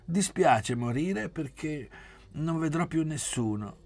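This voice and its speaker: A man voicing a flighty, provocative young woman in a literary audiobook, with sharp, mocking outbursts. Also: a little high, animated, slow, soft background music, pitched above the performer's own voice, heavily acted.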